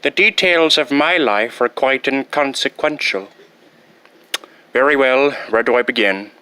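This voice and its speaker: A pompous, bright-voiced Dr. Evil. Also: male voice, medium pitch, smooth, no echo. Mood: smug, reflective. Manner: deliberate, pompous, over-enunciated with dramatic pauses. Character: pompous, petty, self-pitying male evil mastermind. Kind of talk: comic film villain impression.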